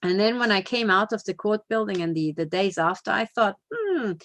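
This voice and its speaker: A woman's voice: medium pitch, a little fast, a bit bright. A woman giving a casual spoken report. She talks bluntly and emphatically, swears freely, and keeps checking in with "you know" and "right?". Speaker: activist giving a video report.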